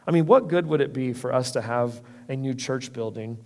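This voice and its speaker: A man's voice: mid-range voice, normal speed, slight background noise. A middle-aged man preaching a sermon as pastor, earnest and conversational, often restarting his phrases. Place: church hall. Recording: long reverb of a church hall.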